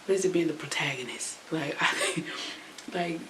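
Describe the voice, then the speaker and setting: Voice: medium pitch, normal speed, bright, forceful tone, low-quality recording. A reaction channel host giving casual, chatty commentary with slang and fillers. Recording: hissy recording.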